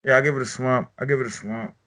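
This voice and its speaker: A man's voice: mid-range voice, steady tone, fast talker, fairly bright tone. A man hosting a casual chat about battle rap, loose and profane, often repeating himself as he rambles. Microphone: own podcast mic.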